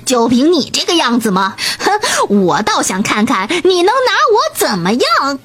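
A woman's voice: sits high, huge pitch swings, normal speed, a bit bright, exaggerated voice. A woman voicing an arrogant and cruel male cart driver in a bedtime story, scornful in tone. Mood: sneering. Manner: scornful and sneering. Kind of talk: storybook character voice.

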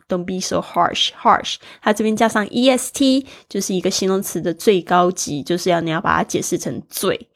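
A woman's voice: lowish voice, gravelly. A native Mandarin-speaking woman gives a casual English vocabulary lesson. She spells words out letter by letter and points out where the stress falls. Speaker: English teacher.

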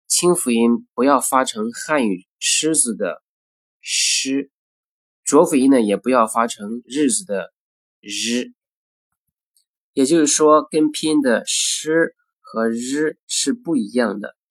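A man's voice: medium pitch, slightly rough, no echo. A man teaching English pronunciation, speaking carefully and saying each word twice as a model. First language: Chinese. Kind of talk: recorded phonetics lesson.

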